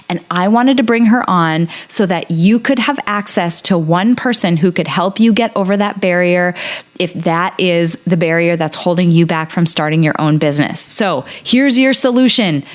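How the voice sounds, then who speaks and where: Woman, podcast host, gushing, enthusiastic, slightly low voice. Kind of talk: podcast interview.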